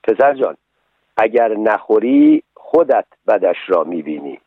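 A kind, motherly fairy, put on by a man speaks calmly and scolds gently in a storybook reading. The sound is dry and tinny, like an old radio broadcast. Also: on the low side, no echo, voice pushed down. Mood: gentle.

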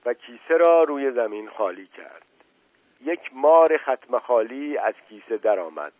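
A man reads a literary novel aloud at a steady, measured pace. The sound is narrow and phone-like, with no room echo at all. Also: medium pitch. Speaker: audiobook narrator. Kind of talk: literary audiobook narration. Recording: tinny, dry, phone-like sound.

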